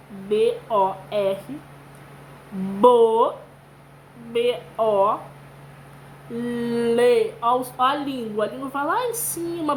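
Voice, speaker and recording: In a low-quality recording with a touch of hiss or hum, a woman with a high, slightly bright voice leads a children's read-aloud lesson. She has a Brazilian Portuguese accent and patiently breaks words into syllables.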